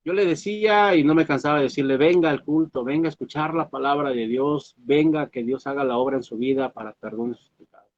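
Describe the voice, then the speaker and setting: A man, a pastor, telling a personal story, halting with fillers and restarts. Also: medium pitch, highs cut off. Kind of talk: sermon testimony.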